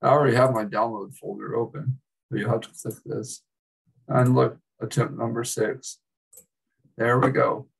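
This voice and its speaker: A man giving a casual, chatty screen-recorded software tutorial as an instructor, with wry asides. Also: mid-range voice, fairly even intonation, normal speed, gravelly, slightly rough, distant mic, rough recording.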